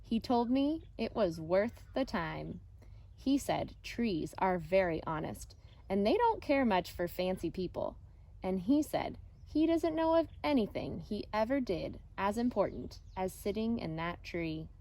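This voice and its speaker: Outdoors, an elementary teacher reads a picture book aloud to children. Her mid-pitched female voice is teacherly and very unhurried, with expressive phrasing suited to a storybook read-aloud.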